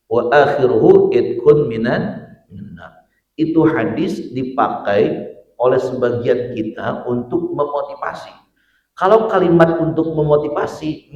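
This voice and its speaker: A man's voice: mid-range voice, darkish tone, muffled recording. A man preaching a dawn mosque sermon, joking with the congregation and building to fervent emphasis. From Cibitung, Indonesia. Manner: jokey, quizzes the congregation, rises to fervent emphasis. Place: mosque hall. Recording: echoey mosque, mic at a distance.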